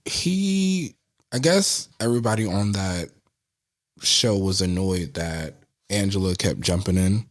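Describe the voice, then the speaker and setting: A man with a fairly low voice chats casually on a podcast, often restarting his sentences. He sounds close and dry, with no room echo. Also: animated. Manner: agreeable, halting, repeats words when starting. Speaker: podcast co-host. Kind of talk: casual reality-TV gossip chat.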